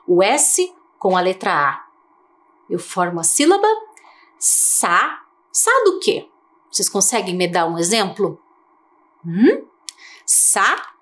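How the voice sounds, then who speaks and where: Speaking at a medium pitch, a teacher from Brazil leads a lesson for young children on television from a TV studio, coaxing them along at a slow pace with many questions.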